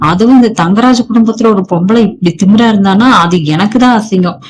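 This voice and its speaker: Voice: mid-range voice, fast, slight background noise, lightly acted. Domineering, short-tempered middle-aged man, accusing and boastful, voiced by the narrator. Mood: irritated, boastful. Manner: blustering, accusing.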